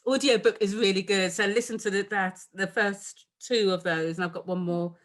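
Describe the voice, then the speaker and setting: A chatty woman with a London accent talks casually with an interviewer over a video call. Her voice sits at a middling pitch, and she laughs often and drifts off mid-thought. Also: fairly even intonation, fairly quick. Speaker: author guest.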